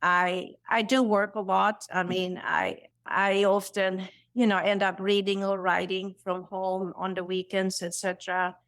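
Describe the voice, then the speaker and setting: A woman's voice: mid-range voice, flat delivery, unhurried, few pauses. Woman doctor, reassuring and chatty. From Sweden. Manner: warm, reassuring, laughs often, repeats words. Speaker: cardiologist guest. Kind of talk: conversational interview.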